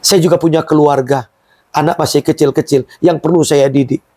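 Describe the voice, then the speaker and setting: A man's voice: fairly high pitch, fairly even intonation, fairly quick, darkish tone, no echo. A middle-aged man founding a Quran museum and boarding school, telling his story in an emphatic, emotional way during an interview.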